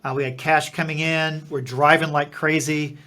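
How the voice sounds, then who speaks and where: A man's voice: fairly high pitch, level tone, moderate pace, sharp tone. A middle-aged man from Eastern Kentucky, a podcast guest and company founder, telling a personal story and acting out the dialogue, often restarting his sentences. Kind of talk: storytelling in an interview.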